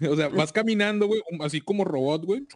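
Mexican man, higher-pitched, laddish slangy bro chatting casually, very dry recording. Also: a little fast, no room sound. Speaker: video game collector. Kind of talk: casual chat.

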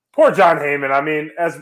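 A young man co-hosting a casual sports podcast, excitable and quick to laugh, sometimes bursting into shouts. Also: on the high side. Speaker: podcast co-host.

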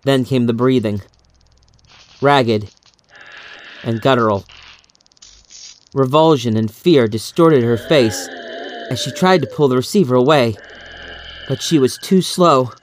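With a medium pitch, a male audiobook narrator delivers a scripted horror tale, keeping his reading measured, dramatic, and full of suspense.

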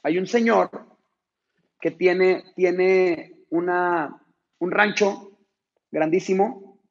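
Gravelly motivational speaker, emphatic. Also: male voice, high voice, steady tone, lo-fi sound. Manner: emphatic, repetitive, deliberate. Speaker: motivational speaker addressing a team. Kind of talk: motivational talk with a told story.

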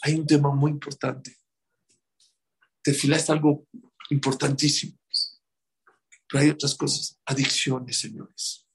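A man's voice: a little high, level tone, measured pace, creaky, pauses often, husky. A man giving a religious talk, telling stories and repeating words for emphasis. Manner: storytelling, acting out quotes, repeats words for emphasis. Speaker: religious speaker. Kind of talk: sermon.

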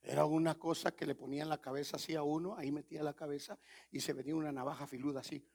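A male pastor preaching a sermon dramatically, swinging between loud exhortation and whispers. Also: a little high, level tone, fast, vocal fry.

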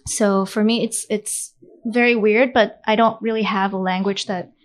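A woman who is not a native English speaker, an author on a panel, answers a question thoughtfully and in a measured way with many fillers. Her voice is mid-range with fairly even intonation.

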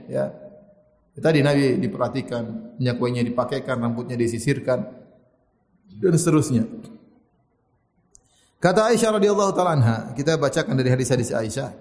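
A man giving a sermon, telling stories lively, quoting Arabic and joking. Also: medium pitch, normal speed, pauses often. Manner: lively storytelling with Arabic quotes and jokes. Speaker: preacher. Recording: echoey hall.

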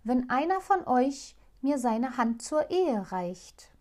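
A woman's voice: high voice, very animated, takes it slowly, voice pushed up, full character voice. A woman voicing a sad, enchanted princess who lives as an owl, speaking plaintively and formally in a fairy tale reading. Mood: hopeful pleading. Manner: plaintive, gentle, old-fashioned formal speech. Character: sorrowful enchanted princess turned owl, female.

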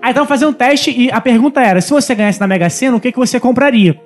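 A man's voice: very high-pitched, faint music behind. A man with a Brazilian accent telling a joke in casual podcast chat, laughing as he goes. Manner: laughing, quick storyteller.

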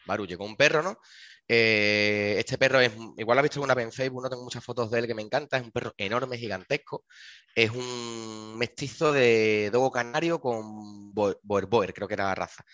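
A man's voice: medium pitch, brisk, no echo, muffled recording. A man from who works at a dog shelter, telling an anecdote in casual chat and acting out the dialogue. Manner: animated, acts out dialogue in his anecdotes.

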